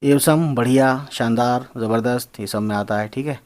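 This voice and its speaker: A man's voice: mid-range voice, steady tone, moderate pace. Guy explaining english slang casually, spells stuff out, says things twice, talks to viewers like friends. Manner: spells words out and repeats phrases, addresses viewers as friends. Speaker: English teacher.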